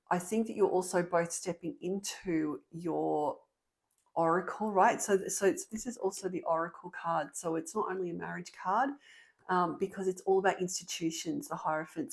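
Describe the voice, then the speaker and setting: Earnest, excitable woman giving a tarot reading. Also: lowish voice. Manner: earnest and excitable, with frequent ums and restarts. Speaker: tarot reader. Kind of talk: tarot reading for an online audience.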